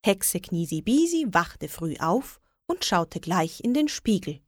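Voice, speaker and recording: A woman's voice: lowish voice, big pitch swings, dry recording. A woman reads a children's story aloud, taking her time, her voice rising and falling with lots of movement. The recording is close and completely dry. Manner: slow, lilting storybook reading.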